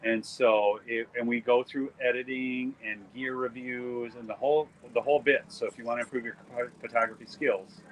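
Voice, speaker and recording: A middle-aged man with a Minnesota accent talks casually, rambling a little as he walks through his outdoor art fair booth. His voice sits at an ordinary middle pitch, with a faint hiss of background noise behind him. He comes across as a friendly photographer live-streaming to his viewers. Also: steady tone, moderate pace, few pauses, poor audio. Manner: chatty, rambling, friendly sales talk. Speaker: photographer and YouTube host.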